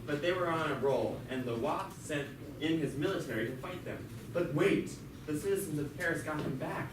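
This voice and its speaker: This man's voice sits fairly high, unforced, at a moderate pace. He plays a jailed revolutionary with plenty to say, recounting his story for an amateur puppet show in a chatty, sardonic way, fumbling words in his side remarks. The mic is distant, and the sound is echoey and very noisy.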